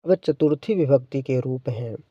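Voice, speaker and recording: A man teaching a grammar lesson, reciting word forms in a measured, drawn-out way, then explaining each one. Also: medium pitch, breathy edge, no echo. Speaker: Sanskrit teacher. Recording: dull, lo-fi sound.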